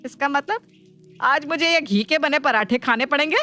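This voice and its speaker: A woman's voice: high voice, moderate pace, bright, forceful tone, soft background music. Woman voicing a whiny scheming mother-in-law. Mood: complaining. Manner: whiny, dramatic complaints. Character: middle-aged mother-in-law, scheming and complaining. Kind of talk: cartoon voice acting.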